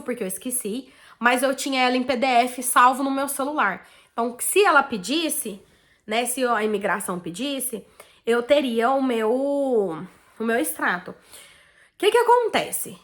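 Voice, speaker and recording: A Brazilian woman vlogger with a Brazilian Portuguese accent, chatting casually and animatedly as she tells her viewers a personal story. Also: fairly high pitch. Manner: chatty, animated, peppered with "tipo assim" and "né".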